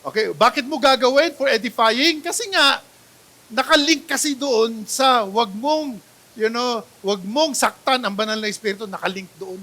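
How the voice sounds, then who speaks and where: A Filipino pastor preaching in a church, his voice high and bright. He keeps checking with the congregation, asking "di ba?" and "right?". He swings from loud exclamations to soft asides. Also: moderate pace. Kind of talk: sermon, Taglish preaching. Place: church sanctuary.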